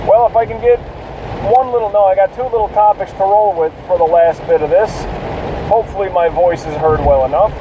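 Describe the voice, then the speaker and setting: A man's voice: sits high, fairly even intonation, fairly quick, distant mic, lo-fi sound. A man hosting a casual solo talk while driving through heavy rain, ranting and swearing at other drivers. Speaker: podcast host. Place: inside a car in heavy rain. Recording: noisy in-car recording, rain and road noise.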